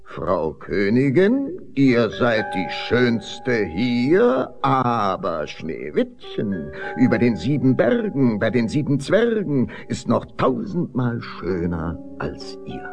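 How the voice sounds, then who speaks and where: Casting: a man as a storybook magic mirror, grave and unhurried, gravelly edge. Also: mid-range voice, huge pitch swings, over music, full character voice. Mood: solemn. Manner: slow, measured delivery. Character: solemn magic mirror speaking to a queen.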